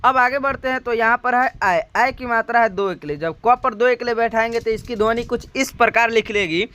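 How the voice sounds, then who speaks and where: A man with a Hindi accent teaching the Hindi syllable chart in a slow classroom manner, drawing out each sound and asking rhetorical questions. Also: very high-pitched, pushed and bright, clean tone. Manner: drawn-out spoken syllables, repeated rhetorical questions.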